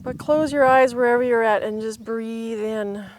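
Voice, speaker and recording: A woman yoga instructor gently talking a class through poses as she does them herself. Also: fairly high pitch, fairly even intonation, moderate pace, a little hiss or hum. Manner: gentle cueing while demonstrating the poses herself.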